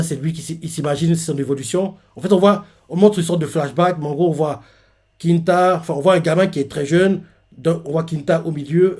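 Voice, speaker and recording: A man hosts a live reaction, walking through a manga chapter panel by panel. He rambles and leans heavily on fillers, in a voice a little higher than most men's. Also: darkish tone.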